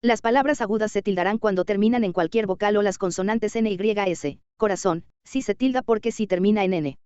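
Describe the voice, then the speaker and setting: A woman reading a scripted lecture as a teacher, measured and slowing down for word examples. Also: medium pitch, a little mellow, clean tone, no room sound, muffled recording.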